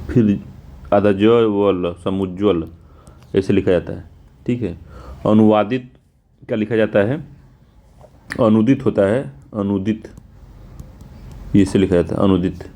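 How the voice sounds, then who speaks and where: A male teacher going through exam answers, spelling words out slowly and repeating them, casual in tone. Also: lowish voice, dark tone. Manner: informal, repeats "theek hai" often.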